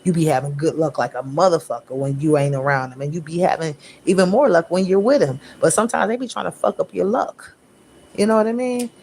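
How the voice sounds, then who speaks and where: Cussing lady doing a tarot reading, low-ish voice, bit of hiss behind her. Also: fairly quick. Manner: profane, blunt, animated slang-heavy talk; mimics listeners in raised voice. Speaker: tarot reader.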